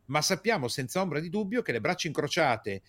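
A man coaching in a podcast conversation, emphatic and energetic, stressing key words by repeating them and asking rhetorical questions. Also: fairly high pitch, a little fast, no room sound. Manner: gestures while speaking, energetic. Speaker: communication coach, podcast guest.

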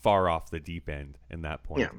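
Man, very deep voice, smooth resonant tone, casual movie chat, earnest, analytical. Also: moderate pace. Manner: earnest, analytical, with many "like" fillers. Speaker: podcast co-host.

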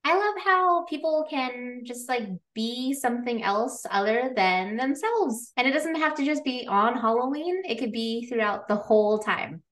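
A woman guest on a podcast, answering casually and informally in loose, halting phrases. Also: on the high side, lively intonation, a bit bright. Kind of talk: casual conversational interview answers.

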